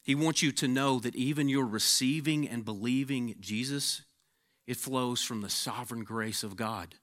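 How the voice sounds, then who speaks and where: At a moderate pace and with a mid-range voice, a pastor preaches, alternating emphatic peaks with hushed intensity. Occasionally he doubles up on words as a phrase gets going.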